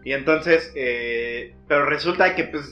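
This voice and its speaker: High-pitched Mexican man, gossipy podcast host. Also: measured pace, sharp tone. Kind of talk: casual storytelling chat with slang. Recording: muffled, echoey room with music.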